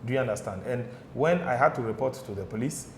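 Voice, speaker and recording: In an echoey studio with music in the background, a Ghanaian man talks fast at a medium pitch, with a little hiss or hum on the recording. He is a guest in a relaxed interview, telling animated stories and repeatedly checking "okay?" and "do you understand?".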